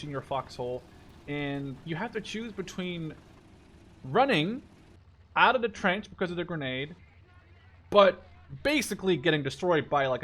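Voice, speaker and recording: A Dutch gaming YouTuber in his twenties, with a fairly high, fairly bright voice, rambles casually through let's-play commentary. He thinks out loud and swears offhandedly, and there's a little hiss or hum in the recording.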